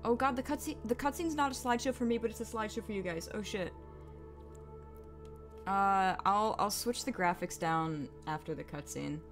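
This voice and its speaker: A woman's voice: medium pitch, normal speed. A woman streaming a video game, chatting casually, giggling and joking to herself as she plays. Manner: chatty, giggly, self-mocking asides. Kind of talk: casual gameplay commentary. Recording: game music behind the voice. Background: game soundtrack music.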